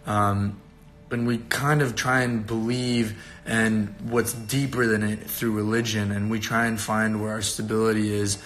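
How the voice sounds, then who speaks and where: Tired, rough-voiced young man livestreaming. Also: lowish voice, little pitch movement, a little slow, a bit bright, faint music behind. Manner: loose and rambling, casual swearing. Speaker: livestream host. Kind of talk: casual live-stream chat.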